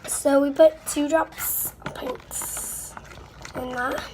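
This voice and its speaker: Speaking slowly in a high-pitched voice with fairly even intonation, a stuffed-up young girl rambles to viewers as she crafts at home for her slime video. She sounds under the weather and a bit apologetic but casual. Clicks and noise mar the amateur recording.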